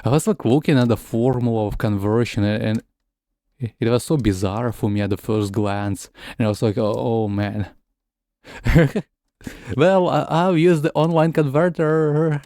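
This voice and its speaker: A man who grew up speaking Russian chats on a game stream in English and Russian by turns, frequently stumbling and repeating words. His voice is medium-pitched and warm with fairly even intonation, unhurried, and free of echo.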